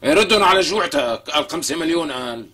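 A man's voice: fairly high pitch, lively intonation, fast talker, bright, forceful tone, husky, full character voice. An actor with a Syrian accent playing a brusque, irritable man who snaps at an unwanted visitor in a TV comedy. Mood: dismissive. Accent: Syrian Arabic. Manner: snappy, exasperated, curses freely. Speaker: stubborn lodger. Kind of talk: TV comedy acting.

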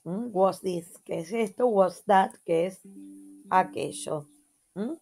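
Slow, patient Argentine woman teacher. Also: mid-range voice, a little mellow, faint music behind. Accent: Argentine Spanish. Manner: slow, patient, repeats words and adds checking "¿mm?". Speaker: English teacher. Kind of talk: slow lesson review for children.

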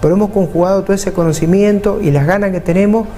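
A man in his forties with an Argentine Spanish accent, from San Juan, Argentina, speaks fast in a high, mellow voice over faint music. He is a mayor running for vice-governor, sitting at a table in a TV studio for an interview. Earnest, he repeats points for emphasis and talks with his hands.

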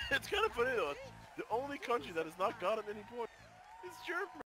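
A man's voice: extremely high pitch, huge pitch swings, fast talker, music in the background, crowd noise. A man watching a broadcast with a friend and mocking it in crude, joking outbursts. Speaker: viewer commenting on a broadcast. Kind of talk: casual reaction chat.

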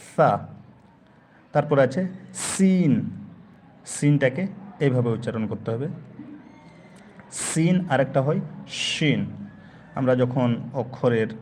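A man's voice: mid-range voice, darkish tone, a little hiss or hum. A man teaching a live online lesson on Arabic letters, explaining step by step and repeating each letter sound aloud. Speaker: Quran teacher.

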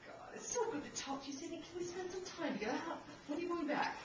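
A needy, dramatic actress. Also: female voice, very high voice, fast talker. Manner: dramatic, wheedling. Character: needy vain actress woman. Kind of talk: live stage comedy acting. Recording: very echoey noisy stage from far off.

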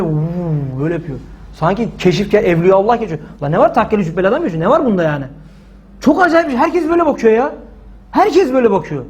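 A male preacher gives a sermon at full volume, driving his points home by shouting. His voice sits high and has a husky grain. He slows down to stretch key words for weight. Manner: loud, forceful, shouting preaching.

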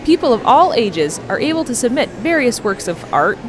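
A woman's voice: on the high side, big pitch swings, moderate pace, music in the background. A woman reporter reading a scripted news voice-over in an upbeat way.

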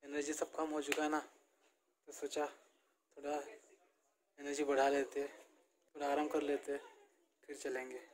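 A man's voice: fairly high pitch, completely flat delivery, moderate pace, long pauses, poor audio. A young man vlogging casually on a hill trail, talking into a phone at arm's length, chatty and tired from the climb. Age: young adult. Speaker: travel vlogger. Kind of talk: casual travel vlog. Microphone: phone held at arm's length. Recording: outdoor phone audio with crowd noise.

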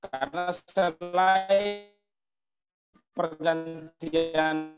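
A man speaking in an online webinar whose audio keeps breaking up, so his words come through halting and cut apart. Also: on the high side, fairly even intonation. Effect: choppy, breaking-up internet call audio. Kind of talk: online panel discussion. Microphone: video call. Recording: glitchy video call with loud guitar music.

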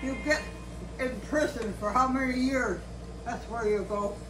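An older grandmother scolding and shouting at her grandson in a family argument at home, filmed on a phone. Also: on the high side, steady tone, moderate pace, far from the mic, over music, low-quality recording. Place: home, indoors.

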